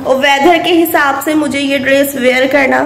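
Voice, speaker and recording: Her voice is high-pitched and gravelly, steady in tone and moderate in pace, with crowd noise in the background. In her thirties, this vlogger talks casually to a phone camera at arm's length on her home veranda with plants, both indoors and out, in an echoey, noisy setting, sprinkling in English phrases and calling her viewers guys.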